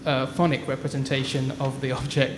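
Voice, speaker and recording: At a public panel in an art gallery, an artist speaks before an audience in a brisk, level, mid-range voice. He's hesitant, stumbling and restarting often. The gallery sounds echoey, with background noise.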